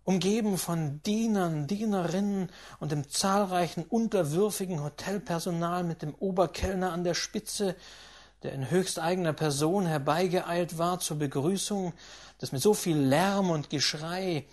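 Calm female audiobook narrator. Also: on the low side. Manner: measured, calm literary reading. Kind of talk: scripted narration.

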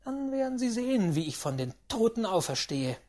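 A reader doing a defiant young gambler, loud and heated, breathy edge, bursts of speed. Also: mid-range voice, very animated, pitched above the performer's own voice. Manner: raised, heated, rapid outbursts. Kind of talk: audiobook reading.

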